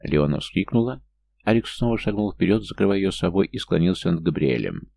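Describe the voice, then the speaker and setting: Male audiobook narrator, deep and gravelly, mellow dark tone. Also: big pitch swings, a little fast. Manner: reads every character's lines himself, lifting his pitch for younger or smaller figures. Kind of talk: scripted fantasy narration.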